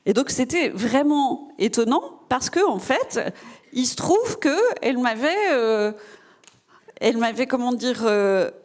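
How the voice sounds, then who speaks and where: A woman's voice: on the high side, sing-song, a little slow. A woman organizing a festival who introduces the guest speaker with many fillers and restarts. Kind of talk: hesitant spoken introduction.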